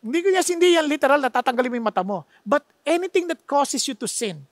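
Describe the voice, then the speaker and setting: A man's voice: very high-pitched, lively intonation, quick pace, no echo, clean studio sound. A man from the Philippines, a pastor preaching a sermon emphatically, with many rhetorical questions and English phrases mixed into his talk. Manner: mixes Tagalog with English phrases.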